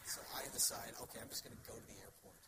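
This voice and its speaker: Male storyteller, casual and crude, self-deprecating, rambling delivery over loud background noise. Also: rapid-fire.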